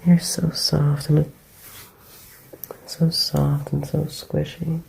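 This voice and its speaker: A man voicing a gentle young boyfriend who soothes his partner to sleep, in a whispered role-play, raspy and sick. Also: a little high, level tone, drawn-out words, slight background noise, full character voice. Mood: tender.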